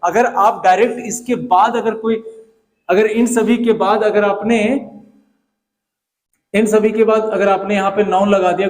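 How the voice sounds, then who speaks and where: A man with a fairly high voice teaches grammar to his class. He keeps asking questions, then answers them himself. He slows right down on every English example sentence. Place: classroom with a whiteboard.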